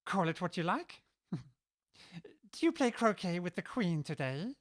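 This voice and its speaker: An actor playing a sly, grinning cat who chuckles between lines in a playful drawl, for a full-cast audiobook. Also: male voice, sits high, big pitch swings, slow pace, no echo, studio quality, heavily acted. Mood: amused, teasing. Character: grinning, teasing Cheshire Cat, sly and amused.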